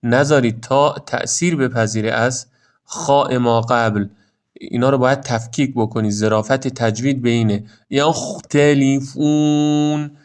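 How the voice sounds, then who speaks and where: A man with an Iranian Persian accent gives a careful pronunciation lesson on Quran recitation. His voice is smooth and resonant at a mid pitch. He talks through each rule and then models the words in slow, drawn-out recitation. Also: fairly even intonation.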